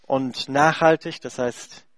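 Slow and fairly even in intonation, this man's medium-pitched voice has a fairly bright tone and comes through clean studio sound without echo. He is a German who heads a charity, interpreting for a guest and then telling a story to a church congregation, chatty and filler-laden.

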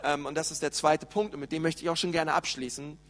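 A man preaching a sermon with a rather high voice, animated and full of direct questions to the congregation. His voice rings out with long reverb through a large church hall. He swings between quiet, reflective stretches and loud, excited peaks. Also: quick pace. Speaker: pastor.

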